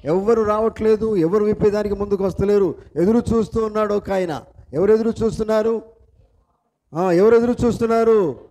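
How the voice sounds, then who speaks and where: A man's voice: sits high, fairly quick, dark tone. A male pastor preaching a sermon in a repetitive, emphatic cadence, often asking the congregation questions. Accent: Telugu. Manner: asks the congregation repeated questions.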